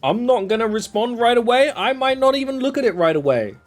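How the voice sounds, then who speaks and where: A young Englishman with a southern accent chats away while streaming a video game, his delivery animated and fairly quick. The casual commentary rambles, with sudden leaps in pitch, and faint music plays behind him.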